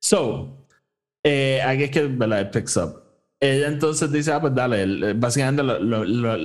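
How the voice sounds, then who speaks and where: His voice is on the low side and slightly mellow as he hosts an informal podcast review of an audio drama. Speaking Spanish with a Puerto Rican accent and sprinkling in English phrases, he narrates a story conversationally.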